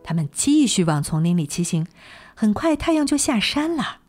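A woman narrating a children's story with a lively, expressive reading. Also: medium pitch, moderate pace. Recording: narration over clear music.

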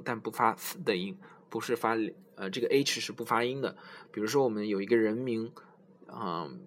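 A man giving a pronunciation lesson, explaining in Chinese and slowly modelling English words several times. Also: on the low side. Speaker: English teacher.

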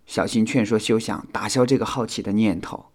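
A man narrating a children's audio storybook in an expressive storytelling manner. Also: fairly low pitch, fairly quick. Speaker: narrator and author.

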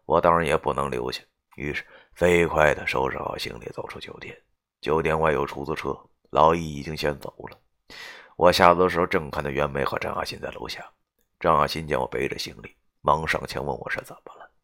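A man narrating a novel in the first person in a gruff, coarse, swearing manner. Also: rumbling low, steady tone, a little fast, fairly bright tone. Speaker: audiobook narrator.

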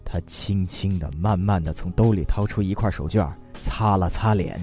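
A man hosting and narrating a comic story in a lively, playful way built around punchlines. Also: low-pitched, moderate pace, faint music behind. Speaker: host and narrator.

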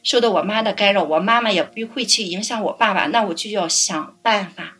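A middle-aged woman caring for her parents, telling stories in a lively way and laughing often. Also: mid-range voice, a little fast, breathy edge. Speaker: family caregiver guest. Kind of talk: casual interview storytelling.

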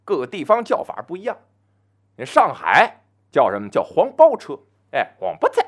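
A man telling a traditional folk story on his own, chatty and full of asides, slowing down to chant opening verse. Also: a little high, wildly swooping pitch. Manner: chants verse slowly and grandly.

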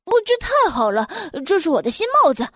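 A woman reading a children's story, voicing an excitable chatterbox man who rambles on without pause. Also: high voice, dry recording, studio quality. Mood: excited.

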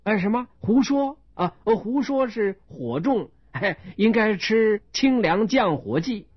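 A quick-witted, eager village doctor, as a male storyteller puts him on, with a raised, lively voice full of bounce. His answers come out brisk and earnest. The recording is dull and lo-fi. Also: husky, no room sound, full character voice. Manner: quick, high, eager replies.

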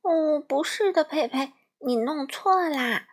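Gentle koala mom correcting her kid, slow patient words, woman reading. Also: sits high, pitched above the performer's own voice.

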